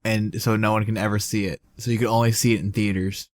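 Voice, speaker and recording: A young man co-hosting a casual podcast, chatting and acting out movie quotes with lively energy. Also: on the low side, fast talker, dry recording, studio quality. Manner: animated, acts out movie quotes. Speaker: podcast co-host. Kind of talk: casual chat.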